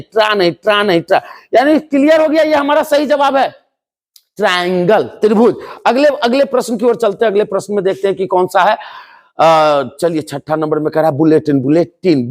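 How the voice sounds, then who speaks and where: ऊँची आवाज़ वाला उत्साही शिक्षक. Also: male voice, high voice, normal speed. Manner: animated, joking, scolds students playfully with local address. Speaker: English teacher. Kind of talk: spelling and pronunciation lesson for board exam students.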